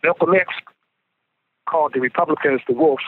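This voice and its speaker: A man's voice: a little high, moderate pace, a little hiss or hum. Earnest man on a tinny payphone call. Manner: earnest, repeats words as he restarts. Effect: payphone call over a tinny prison phone line. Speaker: incarcerated interviewee calling in. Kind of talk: casual phone interview. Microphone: prison payphone handset. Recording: tinny phone line.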